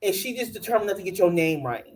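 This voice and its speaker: A man's voice: high-pitched, lively intonation, fast talker, low-quality recording. A man in his forties co-hosting a reality-show recap, laid-back with wry jokes and lots of "like". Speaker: podcast co-host reviewing a reality show. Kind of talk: casual commentary chat.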